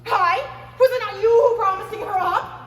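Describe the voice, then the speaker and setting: A woman's voice: extremely high pitch, brisk. A woman playing a greedy old miser father, blustering in a stage play performance. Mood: outraged. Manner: blustering, theatrical outbursts. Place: theater stage. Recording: echoey theater stage from far off.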